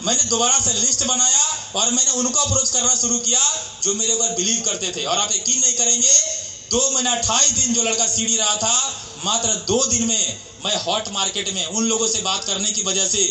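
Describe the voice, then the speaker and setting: Bihari-accented man as motivational speaker, sharp and bright, booming in a roomy hall. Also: brisk. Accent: Bihari Hindi. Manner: loud, animated, addresses the crowd directly. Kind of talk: motivational stage speech. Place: event stage in a hall. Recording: echoey hall.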